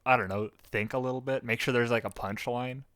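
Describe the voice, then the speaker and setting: A young man co-hosting a casual podcast, rambling with frequent laughs and trailing off quietly, close on the mic. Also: mid-range voice, fairly even intonation, fairly quick, dry recording. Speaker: podcast co-host. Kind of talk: casual chat.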